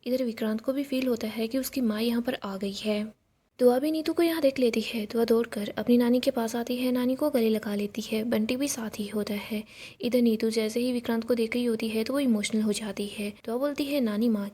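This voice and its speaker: A woman narrating a recap of a television serial in a steady storytelling voice that sometimes drops to a near whisper. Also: on the high side, breathy edge.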